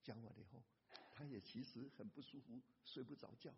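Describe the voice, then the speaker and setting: A man pastor preaching a sermon in an animated way, breaking into a hymn at times. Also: medium pitch, fairly quick, vocal fry, a little hiss or hum. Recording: lo-fi church hall reverb.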